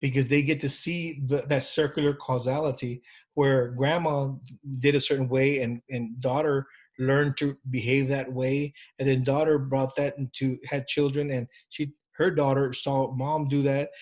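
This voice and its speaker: Man, husky voice, counseling instructor, informal classroom lecture, loose and conversational. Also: medium pitch, little pitch movement, moderate pace, a little mellow. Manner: conversational, checks in with "okay?"; informal, with frequent restarts and fillers.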